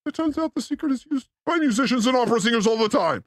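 A man hosting a chaotic comedy stream, joking around in a goofy voice that jumps between pitches. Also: expressive, fast talker, no echo, studio quality. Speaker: host.

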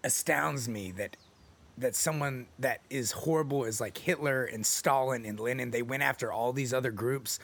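A man's voice: mid-range voice, normal speed, gravelly, a bit bright, slightly rough. A man co-hosting a podcast in casual chat, rambling and laughing often as he jokes crudely. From Texas. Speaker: podcast co-host.

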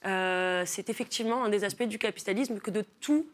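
A philosopher and author from Marseille, France, speaks at a medium pitch and a slightly fast pace. She is a guest in a studio talk show interview, laying out her ideas thoughtfully with many hesitant "euh"s.

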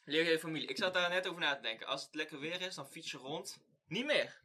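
A young man chatting casually as a co-host, animated and laughing often, full of street slang. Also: fairly high pitch, fast. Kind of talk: casual chat.

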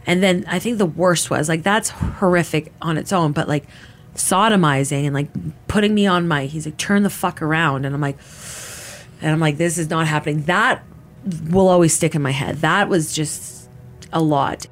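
A woman's voice: sits low, moderate pace. A Canadian woman in her thirties giving personal testimony in a casual, filler-heavy way, often quoting herself. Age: 30s. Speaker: interviewee.

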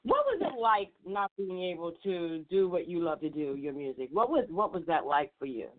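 A woman's voice: fairly low pitch, sing-song, moderate pace. A woman hosting a radio podcast, talking in a chatty, casual way as she leads an interview. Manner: chatty, frequent fillers and restarts. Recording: tinny phone-like audio.

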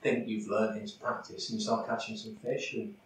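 A man's voice: fairly low pitch, flat delivery, brisk. Man, casual podcast chat, distant and roomy sound. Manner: chatty, full of fillers. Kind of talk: casual chat about angling. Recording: echoey, far from the mic, faint background noise.

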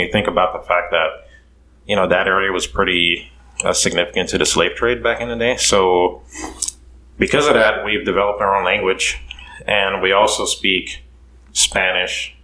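A man from Curaçao in his thirties, talking as a podcast guest. His voice sits very low but rings bright and forward. He rambles casually with lots of "uh" and "you know," over a faint hiss. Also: rough recording. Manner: relaxed storytelling with many fillers. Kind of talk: casual interview.

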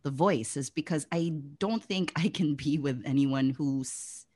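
Woman, young adult, lower voice, laughing, casual podcast chat. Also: a little slow, a little mellow, breathy edge. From Philippines. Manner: laughs often, trails off mid-thought. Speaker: podcast co-host.

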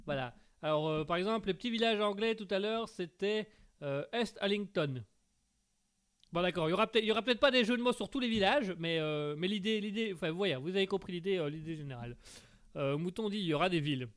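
A man's voice: high voice, quick pace, a bit bright, smooth. Punning man streaming live. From Belgium. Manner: rambling, punning, full of fillers and restarts. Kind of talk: casual live stream chat reading chat messages.

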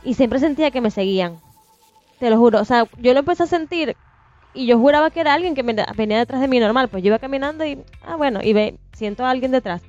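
A woman in her thirties, co-hosting a casual podcast chat, telling a personal ghost story with animated, acted-out detail. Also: sits high, quick pace. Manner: animated storyteller, swears it's true, acts out scenes. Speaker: podcast co-host. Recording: dull lo-fi sound with faint music.

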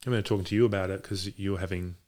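A man's voice: low-pitched, fairly even intonation, rapid-fire, darkish tone. A man in a casual chat as a guest, talking in a hesitant, rambling way. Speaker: podcast guest, boxing coach. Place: home garage.

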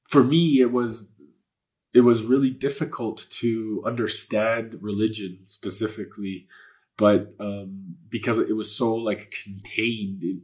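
An earnest, low-voiced Canadian man, originally a Polish speaker, is the guest in a frank personal interview. He's spiritual and sincere, meandering through his answers with many fillers and curse words.

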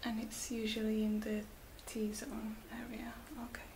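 Woman, ASMR spa roleplay, soft slow whisper, fairly high steady pitch, audible hiss. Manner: soft whispering, gentle and slow, many small fillers. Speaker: ASMR roleplay host as a spa beauty therapist. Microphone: close sensitive mic. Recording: hissy close mic.

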